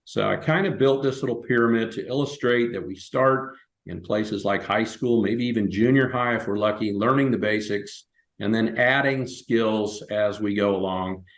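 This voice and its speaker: Low-voiced man hosting, echoey room. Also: normal speed. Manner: relaxed, loose, with frequent fillers and restarts. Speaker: webinar host. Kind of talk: casual presentation over slides.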